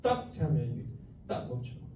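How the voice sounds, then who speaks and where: A man's voice: a little slow, warm tone, slight background noise. A man giving a lecture to a live audience, constantly asking listeners questions and acting out little quotes. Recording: echoey hall, voice from a distance.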